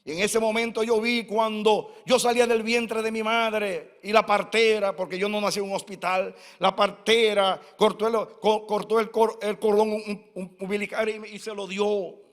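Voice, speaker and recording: High-voiced older pastor preaching in a hall. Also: male voice, level tone, normal speed, hardly any pauses. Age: 60s. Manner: fervent, personal storytelling preaching. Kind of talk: sermon. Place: church hall. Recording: long church-hall reverb.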